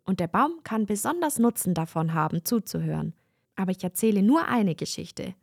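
A woman's voice: medium pitch, lively intonation, moderate pace, gravelly, breathy edge, dry recording, studio quality. A woman voicing a small, plump, kindly man who tells stories to children in a storybook reading. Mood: cozy. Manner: cozy, telling a tale to children.

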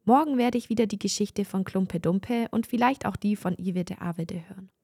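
A woman's voice: mid-range voice, moderate pace, gravelly, mellow, slightly rough, no echo, clean studio sound. A woman voicing an anxious, longing young fir tree, speaking its wondering thoughts in a storybook reading. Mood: hopeful. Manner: wondering, hopeful inner thoughts.

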